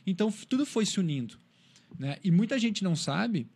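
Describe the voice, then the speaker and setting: A man talks quickly in a casual interview. His voice sits a little high, and he tells stories with energy, acting out the people in them. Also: slightly rough. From Brazil, São Paulo. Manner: animated storyteller, acts out quotes. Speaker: interview guest, cycling content creator.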